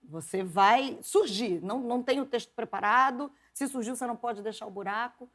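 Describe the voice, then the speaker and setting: A Brazilian woman, a journalist and preacher, telling stories from her upbringing in an interview, lively and quick to laugh. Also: on the high side. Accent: Brazilian Portuguese. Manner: lively, laughs often, quotes her mother in animated voices. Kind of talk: conversational interview storytelling.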